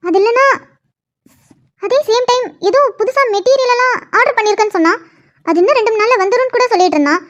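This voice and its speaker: A woman voicing an anxious middle-aged aunt who gently scolds and worries. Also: very high-pitched, quick pace. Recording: dull lo-fi sound.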